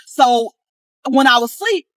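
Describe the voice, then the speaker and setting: A woman's voice: high voice, lively intonation, a little slow, fairly bright tone, no room sound, rough recording. A woman telling her viewers a worried, urgent story in a chatty vlog style. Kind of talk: casual vlog warning.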